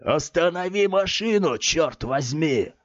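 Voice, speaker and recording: A man's voice: a little high, animated, slow, dry recording, voice pushed up. Man voicing a scared, boyish-sounding passenger. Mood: angry. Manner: tense, pleading, then angry. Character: frightened adult man who sounds like a boy. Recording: dull, dry recording.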